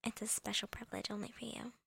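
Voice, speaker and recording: Pressed close to the microphone, a young woman whispers through an ASMR girlfriend roleplay with an airy, breathy voice heavy with gravelly fry. She teases gently and slips in small laughs, her slightly high pitch barely shifting as she speaks at an unhurried pace. The delivery is flat and the recording has no echo.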